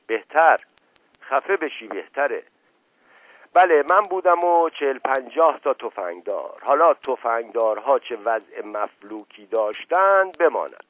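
Casting: male reader doing a loud, boastful old uncle with a quick temper, over a dry, phone-thin line. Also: mid-range voice, expressive, no room sound, pitched above the performer's own voice, natural voice. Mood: angry. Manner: boastful, shouting down interruptions. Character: pompous hot-tempered older man, a boastful uncle. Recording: dry, narrow phone-like sound.

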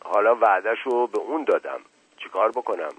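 A man's voice: fairly low pitch, lively intonation, a bit bright, husky, dry recording. A man voicing a humble male fisherman who speaks politely and hesitantly, heard on a lo-fi radio recording.

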